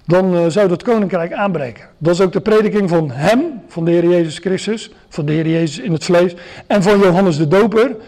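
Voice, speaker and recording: High-voiced man giving a hesitant sermon. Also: brisk, darkish tone. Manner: explanatory, many hesitations and restarts. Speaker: preacher.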